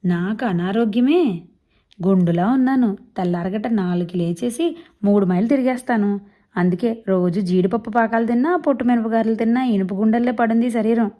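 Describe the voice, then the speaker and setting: A woman voicing a blunt, brisk old man in his seventies with a ringing voice, rattling off fast village speech. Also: a little high, lo-fi sound, close to an everyday voice. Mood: hearty.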